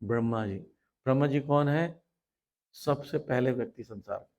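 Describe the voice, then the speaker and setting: A man's voice: medium pitch, moderate pace. A man teaching a Hindi spiritual lecture, telling stories, acting out voices and chanting Sanskrit verses. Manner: acts out quoted voices, animated storytelling.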